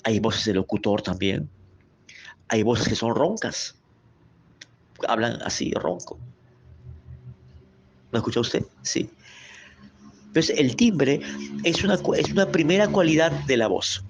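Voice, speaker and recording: A male teacher leads a lesson on voice and public speaking, talking slowly and deliberately and repeating each key phrase. He speaks to the viewer formally, inviting them to repeat after him, over a faint hiss of background noise. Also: mid-range voice, lively intonation.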